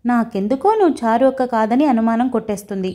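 Woman narrator as playful young mother, mellow and affectionate. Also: on the high side, fast talker, close to an everyday voice. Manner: affectionate, teasing.

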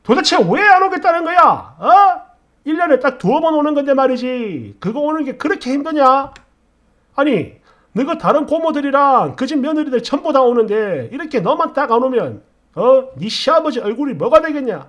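A man voicing an angry, domineering older father-in-law who shouts and scolds. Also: very high-pitched, sing-song, normal speed, voice pushed up, exaggerated voice. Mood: furious scolding.

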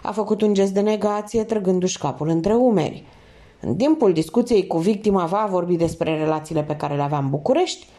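A woman's voice: lively intonation, warm tone. A woman reading a crime novel aloud in the first person, lifting her voice for the characters' lines. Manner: reads in first person, lifts pitch for quoted speech. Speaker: audiobook reader.

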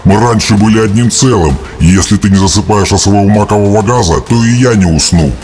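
A man's voice: on the low side, a little fast, a little mellow, natural voice. A man playing a giant evil cat monster in a cartoon, taunting and menacing in manner. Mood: mocking.

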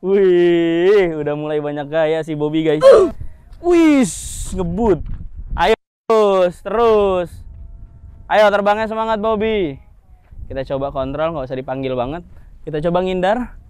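A young man talking casually to viewers while training a bird outdoors by a road, chatty and at times shouting loudly to call it back. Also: high-pitched, a little slow, clear, resonant tone, no room sound. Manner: chatty, keeps addressing viewers as guys. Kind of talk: casual vlog commentary.

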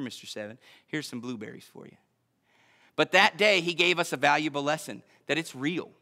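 A man in his thirties preaching a sermon as pastor in a church, emphatic, rising to shouts and falling to a hush. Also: high-pitched. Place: church sanctuary.

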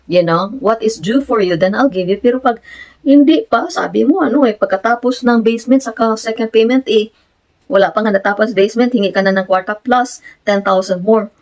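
A Filipino-accented woman vlogging casually, mixing Tagalog and English as she recounts talks with a contractor. Her voice sits at an ordinary middle pitch, and she grows animated and emphatic as she argues her side. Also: brisk, poor audio. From Philippines. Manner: mixes Tagalog and English, retelling conversations. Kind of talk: casual storytelling vlog.

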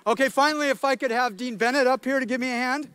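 Extremely high in pitch, the older man's voice is fast, a bit bright, clear and resonant. He gives a lively, playful commencement address at a podium mic in an outdoor stadium, quizzing listeners. There's no room sound.

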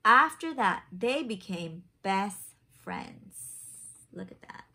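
Her voice sits in the mid-range, sing-song and slow, bright and forceful with a slightly rough texture. This woman in her thirties is giving a story-time reading of a picture book indoors in a small home room, pausing to ask the young listeners easy questions.

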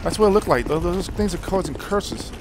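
A man giving profane, reactive commentary while playing a video game, swinging from low mutters to loud disbelief. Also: animated, brisk, noisy background. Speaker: let's play commentator.

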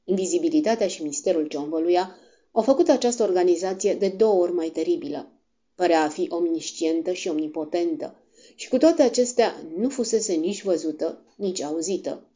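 A woman narrating a classic novel as an audiobook in a measured, even storytelling reading. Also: fairly low pitch, muffled recording. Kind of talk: scripted narration.

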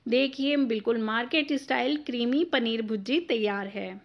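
A woman hosting a cooking channel, giving a clear step-by-step recipe voice-over. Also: fairly high pitch, normal speed, dull audio.

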